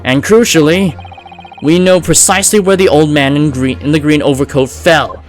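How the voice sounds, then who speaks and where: A man's voice: a little high, steady tone, moderate pace, faint music behind, close to an everyday voice. A man voicing an earnest young male defence lawyer in a video game, arguing formally and emphatically. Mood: earnest, insistent. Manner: emphatic, formal courtroom argument.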